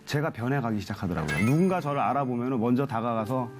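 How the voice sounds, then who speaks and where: Middle-aged man, guest in an interview, earnest personal testimony, acts out old conversations, voice of middling pitch, clear music playing behind him. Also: expressive, fast. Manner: earnest storyteller acting out remembered conversations. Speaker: guest on a talk show.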